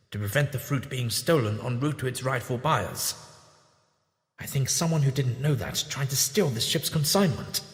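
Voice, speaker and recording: A man plays an eccentric, knowing alien traveler in an audio drama. His voice is gravelly and a little low, musing with deliberate, theatrical pauses. It rings with long reverb in an echoey space.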